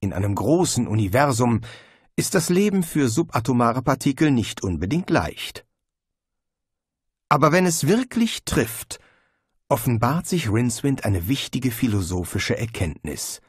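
A man reading a comic fantasy audiobook in scripted narration, expressive in his storytelling. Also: mid-range voice, a little slow, slightly rough, no room sound, studio quality.

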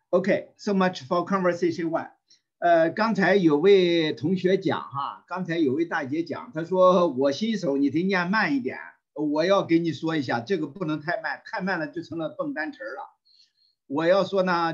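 A man teaching a volunteer English class over an online call. He reads phrases slowly and repeats them, with many fillers and throat clearing. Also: fairly high pitch, lo-fi sound.

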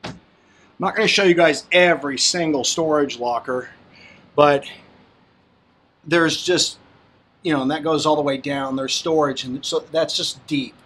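A yacht broker gives a casual boat tour, narrating to his viewers as he moves from the outdoor deck into the cabin. His voice is a bit high for a man, his delivery relaxed and conversational, a little slow with frequent pauses.

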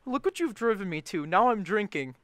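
A woman's voice: medium pitch, sing-song, a little fast. A woman streamer chatting casually in a social VR game, playful and swearing freely. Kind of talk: casual gaming chat.

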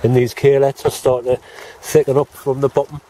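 A man's voice: mid-range voice, flat delivery, brisk, mellow, slight background noise. Chatty man vlogging in his allotment. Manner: chatty, plain-spoken, talks to viewers as he walks round. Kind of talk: casual walk-and-talk vlog. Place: outdoor allotment garden in light rain. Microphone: handheld camera, self-filmed.

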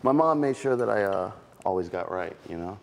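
A man's voice: on the low side, animated, a little fast, a little hiss or hum. An actor in a web series drama, playing a joking young man who cooks for his fiancée. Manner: joking, smooth-talking.

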